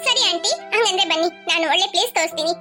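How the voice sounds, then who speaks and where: A performer voicing a calm young woman guiding others through a forest in a cartoon, patient and reassuring. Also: extremely high pitch, very fast. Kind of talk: cartoon voice acting. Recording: music playing behind.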